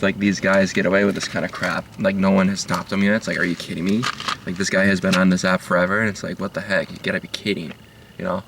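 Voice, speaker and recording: A man rambling in a low-key, halting way with many fillers while driving, recorded a little away from the mic in a car. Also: gravelly, a bit bright, recorded from a distance, a little hiss or hum. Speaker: vlogger. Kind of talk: rambling casual monologue. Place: inside a moving car.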